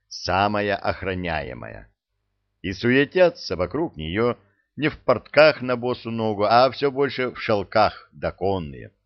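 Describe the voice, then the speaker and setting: A man with a low voice narrates a first-person tale. His delivery is wry and colloquial, with very lively swings in pitch, on a slightly dull recording. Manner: sardonic, expressive. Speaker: audiobook narrator.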